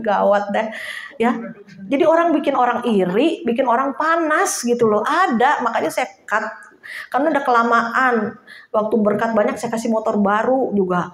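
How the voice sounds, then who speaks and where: A woman preaching an informal sermon to a small house church, chatty and lively, laughing now and then and acting out little quotes. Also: a little high, moderate pace, echoey room.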